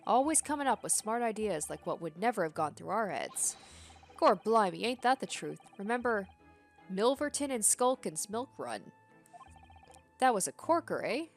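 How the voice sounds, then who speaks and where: Casting: female player as rough baddie for a game, cheeky, matey, slangy, lively swooping pitch over music. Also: moderate pace. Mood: nostalgic. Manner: slangy, matey street talk. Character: rough, cheeky working-class male crook, chummy and shifty. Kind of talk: video game character read-aloud.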